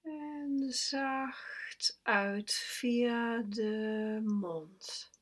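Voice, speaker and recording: A woman guides a breathing meditation in a slightly high voice. She speaks extremely slowly and leaves long pauses. Her tone stays soft and calm, and now and then she sinks to a near whisper. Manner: slow, soft, calm instructions, at times sinking to a whisper.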